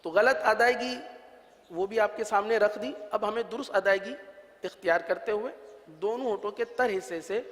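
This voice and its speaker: High-voiced Pakistani man teaching letter sounds. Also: fairly bright tone. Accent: Pakistani Urdu. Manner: patient, repeats sounds drawn out for students. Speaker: Quran reading teacher. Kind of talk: religious letter-pronunciation lesson. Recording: long reverb.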